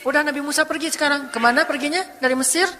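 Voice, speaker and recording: A male preacher giving a casual, conversational sermon, telling stories with lively delivery. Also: very high-pitched, rapid-fire, slight background noise. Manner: animated storytelling, acting out quoted voices. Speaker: Islamic preacher. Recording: echoey hall with long reverb.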